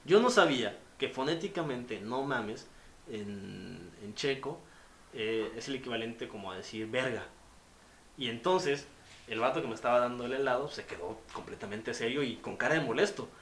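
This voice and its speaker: At a moderate pace and in a mid-range voice, a young Mexican man with a Mexican accent chats casually, telling slang-laced stories with lively retellings. The recording is roomy, carrying faint noise.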